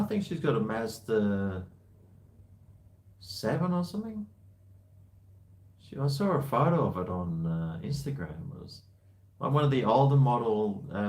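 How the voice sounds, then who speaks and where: A man's voice: medium pitch, darkish tone. A man chatting casually on a livestream, rambling in blokey, laid-back slang. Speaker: livestream host. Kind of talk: casual livestream chat, answering viewer comments.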